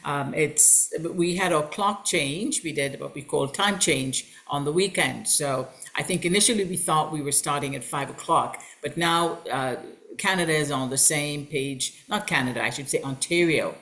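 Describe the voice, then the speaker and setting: Speaking through a video call mic, a woman from Trinidad and Tobago hosts an online information session for a college as its recruitment representative. Her voice is deep and a bit bright at normal speed, and her upbeat, welcoming delivery is filled with ums and uhs.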